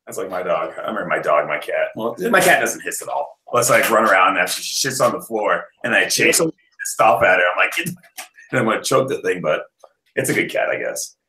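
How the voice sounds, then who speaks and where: A man's voice: sits low, expressive, fairly quick, bright, forceful tone, echoey room, a little hiss or hum. A man in his thirties hosting a casual mountain biking live stream over a video call, rambling with restarts.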